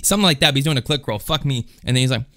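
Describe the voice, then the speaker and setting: Male vlogger, mid-pitched, laid-back and chatty with casual swearing, talking to his viewers between beatbox attempts. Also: animated, very fast, a bit bright. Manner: loose, chatty and swears freely. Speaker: beatboxer vlog host. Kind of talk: casual vlog chat.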